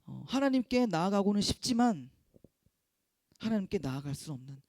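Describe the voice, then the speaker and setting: A young man preaching as a youth pastor, with earnest, repetitive phrasing that swings between hushed and loud. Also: high-pitched, very animated, normal speed, no echo, studio quality. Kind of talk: sermon.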